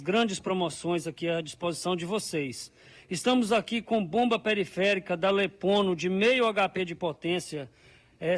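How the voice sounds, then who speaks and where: A man, a store salesman listing offers to customers in a repetitive live radio pitch. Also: fairly bright tone.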